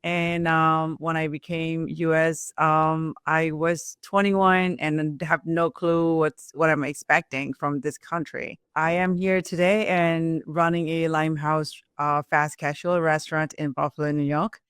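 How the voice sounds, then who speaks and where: Being interviewed as an entrepreneur, a Burmese woman from Myanmar who owns a restaurant tells her own story in simple, halting non-native English. Her low voice is clear, smooth and fairly bright, with a flat delivery. The sound is close and dry, with no echo.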